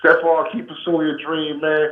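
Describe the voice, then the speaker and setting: A man calling in by phone, joking and laughing in casual street slang, warm and affectionate with the hosts. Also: fairly high pitch, completely flat delivery, normal speed. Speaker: phone-in guest comedian. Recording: echoey lo-fi phone line with hiss.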